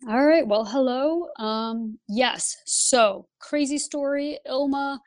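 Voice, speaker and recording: A woman, a podcast guest telling her story in a lively, casual way. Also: high voice, takes it slowly, clear, resonant tone, no echo. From Lithuania. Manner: lively, laughs while telling stories. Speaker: guest, Air Force pilot instructor.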